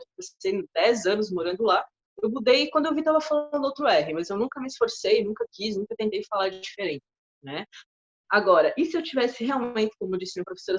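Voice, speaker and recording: Husky higher-voiced woman telling a story. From far west of Santa Catarina, Brazil. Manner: chatty, animated storyteller with asides. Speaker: co-host. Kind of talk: casual storytelling chat. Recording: dull lo-fi audio.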